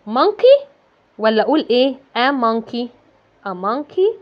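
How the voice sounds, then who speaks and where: An Egyptian Arabic-accented woman explains a lesson to young pupils in a higher, very animated voice. She keeps asking and then answering her own questions and repeats key words. The recording sounds dull and lo-fi. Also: fairly quick. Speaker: English teacher for children. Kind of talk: classroom-style lesson explanation.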